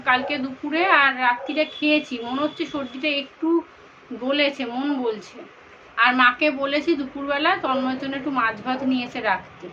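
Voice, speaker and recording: A woman, hoarse from a cold, chatting casually and tiredly through a daily vlog. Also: high voice, bright, forceful tone, highs cut off, a little hiss or hum. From India. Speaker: vlogger.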